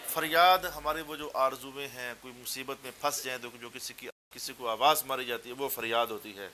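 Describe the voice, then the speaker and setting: A male teacher with a Punjabi accent leads a class in a clear, bright voice. He explains step by step, repeats key words, and draws out lines of verse slowly. A faint hiss runs under the recording. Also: medium pitch, fairly even intonation. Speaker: teacher of a Persian text class. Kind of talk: classroom lesson. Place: classroom with students.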